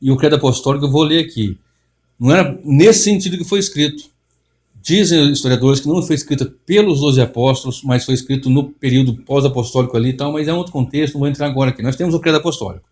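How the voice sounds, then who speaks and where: A middle-aged pastor speaks, leading a Bible study. He talks in an emphatic manner, circling back and restarting phrases as he presses his point. His voice sits at an ordinary male pitch. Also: fast, a little mellow. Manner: emphatic, repeats and restarts, mocks others' theatrics.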